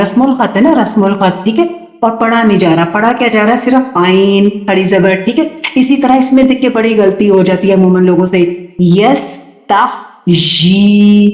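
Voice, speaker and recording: A woman teaching tajweed in an online class, patient and encouraging, slowly repeating words for her students. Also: mid-range voice, darkish tone, echoey room. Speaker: Quran recitation teacher. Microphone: computer mic in an online video class.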